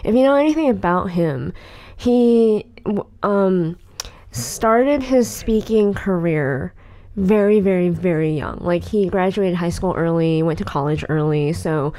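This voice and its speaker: Her voice on the low side and mellow, a woman in her late twenties co-hosts a podcast, speaking expressively and a little slowly. The chat is casual and rambling, loaded with fillers and restarts.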